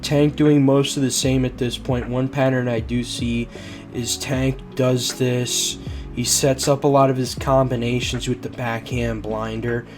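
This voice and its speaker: Over music, a man speaks at a medium pitch with a level tone and measured pace, though he sounds stuffed up from a bad cold. As host of his channel, he gives voice-over commentary breaking down a boxing fight, casual, with slangy asides and loose restarts.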